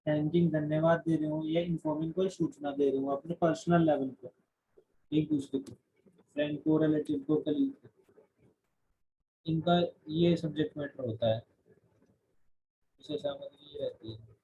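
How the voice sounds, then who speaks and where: A man's voice: on the high side, lively intonation, moderate pace, vocal fry, long pauses, warm tone, husky. A man teaching a class, explaining in Hindi mixed with English terms and often restarting his sentences. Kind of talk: classroom lecture. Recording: dull lo-fi recording.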